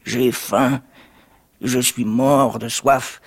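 A man voicing a plucky young boy in a fairy tale, bright, eager and raised. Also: medium pitch, fairly even intonation, extremely slow, slightly rough, full character voice. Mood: pleading. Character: plucky young boy hero, at times posing as a beggar.

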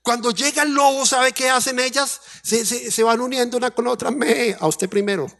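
A man's voice: level tone, a little fast, fairly bright tone. A Colombian man preaching a sermon as pastor, asking the congregation questions and acting out quoted voices. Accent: Colombian Spanish. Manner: acts out quoted voices in a high, fretful tone.

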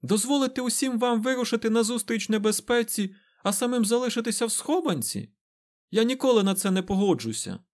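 Audiobook young woman, stubborn and loud, pitched high, a man voicing her. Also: lively intonation, a little fast. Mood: indignant. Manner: loud, indignant.

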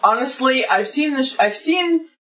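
A woman co-hosting a podcast, talking loudly and emphatically with constant swearing. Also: high voice, expressive, moderate pace, echoey room, distant mic. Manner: loud, profane, emphatic. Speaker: podcast co-host. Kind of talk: casual drunk chat.

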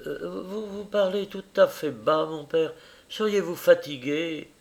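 A man's voice: fairly high pitch, a little slow, gravelly, voice pushed up. A man reading aloud, voicing a young blind daughter who speaks with tender delight. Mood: joyful.

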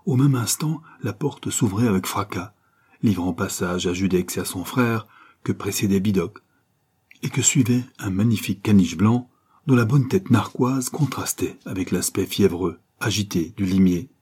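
Low dark voice, bit husky, guy reading an old adventure novel slow and dramatic. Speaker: audiobook narrator. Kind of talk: scripted storybook narration.

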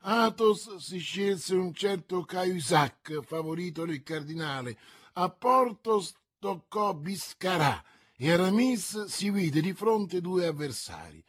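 A man narrating an adventure novel aloud in a theatrical, unhurried reading style. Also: high-pitched, sing-song, fairly bright tone, husky. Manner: theatrical, unhurried, swelling with the action. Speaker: audiobook narrator. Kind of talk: dramatic audiobook reading.

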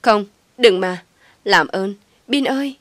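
A woman's voice: medium pitch, brisk, a bit bright, no echo, voice pushed up, natural voice. A woman voicing a desperate young mother who pleads in a raised, strained voice. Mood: pleading.

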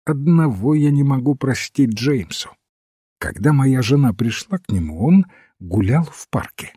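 A gruff, grumbling old general, voiced by a male reader, slow and mellow. The voice is husky and lively in its rises and falls, recorded close and dry. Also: mid-range voice, dry recording. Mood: confiding.

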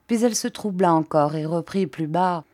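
A woman reading a classic novel aloud as an audiobook narrator, measured and even. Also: on the low side, no room sound, clean studio sound. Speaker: audiobook reader.

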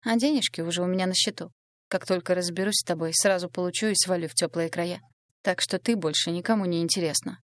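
Woman reading a cold, smug young traitor, low dry voice, audiobook. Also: fast, no room sound, close to an everyday voice. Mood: sneering. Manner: sneering, smug.

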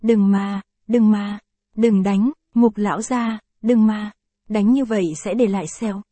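A woman's voice: mid-range voice, fairly even intonation, unhurried, mellow, no echo, natural voice. A woman voicing a frightened middle-aged mother in a read-aloud story, begging desperately. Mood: pleading.

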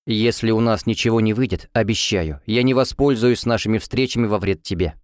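A man voicing a calm, gentle young man in a storybook reading, speaking softly and evenly. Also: fairly low pitch, brisk, dry recording, studio quality, natural voice.

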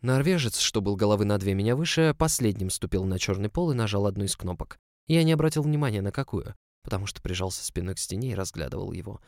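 A man's voice: fairly low pitch, lively intonation, quick pace, a little mellow, no room sound. A man narrating a story in the first person, in an intimate, close storytelling manner. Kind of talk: audiobook narration.

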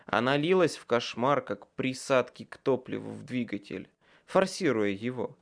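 A man's voice: mid-range voice, expressive, normal speed, vocal fry. Man narrating a tense audiobook. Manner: tense, dramatic storytelling. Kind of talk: first-person audiobook narration.

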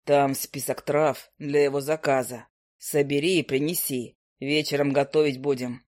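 A woman voicing a phlegmatic, bookish male owl familiar who answers flatly and curtly in a lowered voice. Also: moderate pace. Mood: unbothered. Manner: flat, unbothered, curt.

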